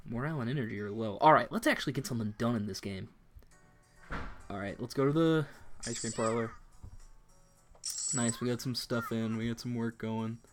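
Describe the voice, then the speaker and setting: A man's voice: mid-range voice, a little fast, pauses often, faint music behind. A man giving casual, chatty commentary while playing a romance game. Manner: chatty, reads text aloud. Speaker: let's play host. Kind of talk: gameplay commentary.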